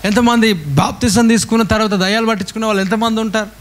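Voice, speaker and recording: A man's voice: high-pitched, rapid-fire. A male pastor preaching a call-and-response sermon, firing repeated rhetorical questions at his congregation.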